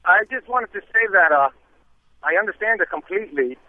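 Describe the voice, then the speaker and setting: Brief: male caller on a clipped, thin phone line, higher-pitched, easygoing and halting. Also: no room sound. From Brooklyn, New York. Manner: relaxed, many "uh" pauses. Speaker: radio call-in caller. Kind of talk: casual call-in storytelling. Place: in a vehicle on the highway.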